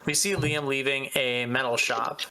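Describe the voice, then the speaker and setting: A man's voice: medium pitch, steady tone, moderate pace, very noisy. A man running a tabletop game over voice chat, narrating scenes in a loose, rambling way with many fillers. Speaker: game master.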